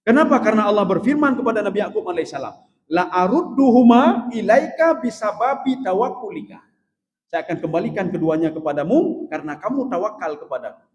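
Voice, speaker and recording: A man's voice: sits high, lo-fi sound. A man preaching a sermon to a congregation, talking in a conversational way and often addressing his listeners directly. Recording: echoey hall with long reverb.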